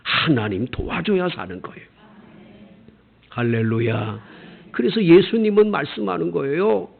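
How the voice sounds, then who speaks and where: A middle-aged male pastor giving a folksy, animated sermon in a lively way, playfully imitating regional speech. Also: a little high, unhurried, gravelly, slightly rough, phone-quality sound. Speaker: senior pastor.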